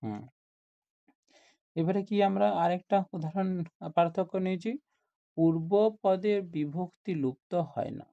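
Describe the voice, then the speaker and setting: A man's voice: high voice, measured pace, vocal fry, pauses often, mellow, highs cut off. A man teaching a grammar lesson to school students, explaining step by step and often asking questions like "isn't it?".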